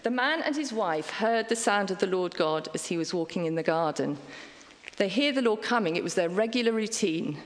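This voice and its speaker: A woman's voice: medium pitch, animated, normal speed. A middle-aged woman giving a conversational sermon, chatty and self-deprecating with frequent ums and asides. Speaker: preacher. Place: church hall. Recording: long hall reverb.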